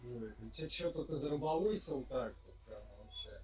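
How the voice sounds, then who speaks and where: A man chatting informally and haltingly as a co-streamer on an internet voice call. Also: medium pitch. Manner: informal, halting, mildly profane. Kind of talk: casual chat. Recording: roomy, distant mic on internet call.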